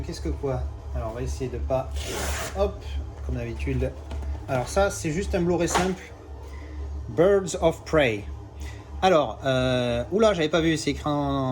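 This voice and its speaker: A Marseille collector talks through an unboxing in a loose, chatty way, often hesitating, restarting sentences and swearing casually. His voice is fairly high and darkish, with a little hiss or hum in the audio.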